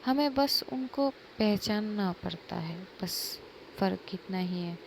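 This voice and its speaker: A woman tells a story in a casual, chatty manner, narrating at a slow, unhurried pace. Her voice has a gravelly, creaky texture, with faint background ambience behind it. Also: medium pitch, animated, slight background noise, low-quality recording. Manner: chatty, repetitive speech tags.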